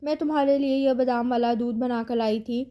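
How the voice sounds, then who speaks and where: A woman's voice: a little high, steady tone, highs cut off, close to an everyday voice. A woman reading as a scheming bitter aunt. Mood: falsely sweet. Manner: spiteful, sweetly false.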